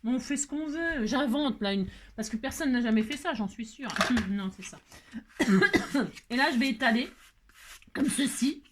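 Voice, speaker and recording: A woman from France hosting a casual craft tutorial, talking in a playful, self-mocking way and tagging her sentences with a quick "hein". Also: high-pitched, animated, noisy background. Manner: cooing baby talk to her pet. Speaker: crafting video host.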